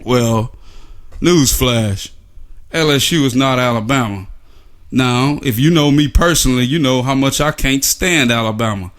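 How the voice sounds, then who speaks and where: A man's voice: mid-range voice, unhurried, fairly bright tone. A man delivering a casual, sarcastic opinion monologue, full of rhetorical questions and filler words. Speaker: sports commentary vlogger.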